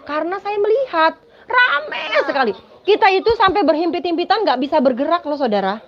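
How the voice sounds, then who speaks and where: A woman's voice: extremely high pitch, big pitch swings, fairly quick. A woman giving a spoken personal testimony, telling her story dramatically and often addressing listeners as "Saudara". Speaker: testimony speaker. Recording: dull lo-fi recording.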